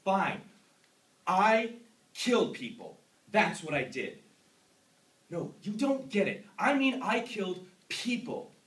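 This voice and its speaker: A man in his twenties performing a dramatic monologue as a tormented, self-loathing young Vietnam veteran, with an intense, halting, emotional delivery, recorded from afar in a classroom. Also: high-pitched, sing-song, exaggerated voice. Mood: agitated, defensive. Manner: intense, emotional, halting delivery swinging between hushed and explosive. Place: classroom, indoors. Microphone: far camera. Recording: roomy, distant camera mic with faint noise.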